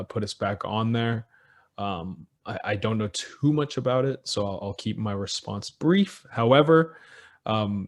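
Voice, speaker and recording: Young guy chatting loose and jokey on a zoom call, lowish voice, lots of ums. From Ethiopian heritage. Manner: laid-back, filler-heavy, joking. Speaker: podcast guest, business owner. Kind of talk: casual chat over video call. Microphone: video call.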